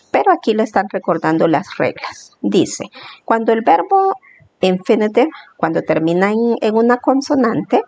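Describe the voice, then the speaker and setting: A woman's voice: mid-range voice, darkish tone. Woman teacher explaining step by step. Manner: patient, step-by-step explaining with repeated examples. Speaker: English teacher. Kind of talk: classroom lesson explanation.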